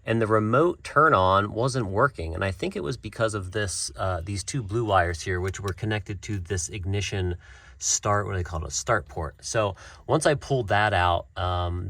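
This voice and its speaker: A man casually walking through an installation job he did, talking in a relaxed way with frequent fillers. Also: low voice, moderate pace.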